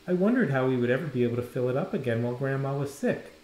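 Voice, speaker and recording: A man reading a children's picture book aloud with an expressive read-aloud delivery, sometimes stopping to comment on the pictures. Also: mid-range voice, rapid-fire, a little hiss or hum. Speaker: storybook reader. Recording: roomy echo.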